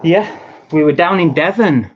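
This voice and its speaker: A man's voice: fairly high pitch, lively intonation, unhurried, a little hiss or hum. A man from England co-hosting a casual live stream, chatty and teasing with many ums. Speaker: co-host. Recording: dull lo-fi stream audio.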